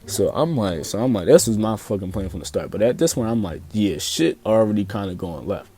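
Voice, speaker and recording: A man's voice: lowish voice, expressive, a little fast, dark tone, slightly rough. A young man with a Philadelphia accent telling a story in a loose, profane, slang-heavy way, full of fillers and restarts. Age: young adult. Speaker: storyteller vlogger. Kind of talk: casual storytime.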